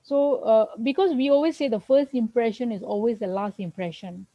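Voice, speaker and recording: A woman's voice: on the high side, normal speed, no echo, dull audio. A middle-aged woman from Singapore answering interview questions earnestly over a video call, with fillers and restarts. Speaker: guest, accountant. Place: at home, remote.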